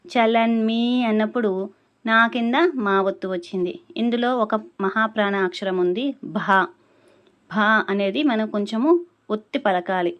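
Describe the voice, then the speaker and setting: A woman teaching how to pronounce a devotional chant, explaining patiently and drawing out each syllable slowly when she demonstrates it. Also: medium pitch, steady tone, muffled recording. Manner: slow, carefully drawn-out syllables when demonstrating. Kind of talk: spoken lesson on pronouncing a chant.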